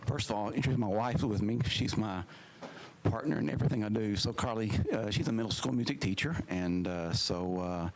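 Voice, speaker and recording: A deep, gravelly man in his fifties speaks at a school board meeting, his mouth swollen from surgery. He talks haltingly, full of fillers and restarts, and faint room noise sits under his voice. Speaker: new assistant superintendent. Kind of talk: public remarks at a meeting.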